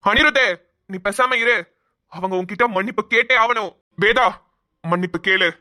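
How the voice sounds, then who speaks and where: A woman's voice: medium pitch, moderate pace, bright, forceful tone, no room sound, clean studio sound, close to an everyday voice. A woman voicing a hot-tempered younger son in a cartoon, scolding indignantly. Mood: angry scolding. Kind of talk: cartoon voice acting.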